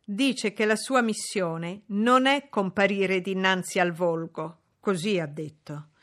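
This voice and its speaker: A woman's voice: mid-range voice, slow pace, a bit bright. A woman reading an audiobook, voicing a flustered, deferential male footman. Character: nervous male footman servant.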